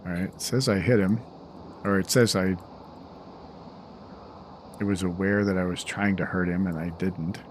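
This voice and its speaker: A tired man developing a game mod, thinking aloud as he reads code and tests it. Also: fairly even intonation. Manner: mutters code to himself, tired, slow and low-key. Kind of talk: thinking aloud while coding and playing. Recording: clear background noise with keyboard typing.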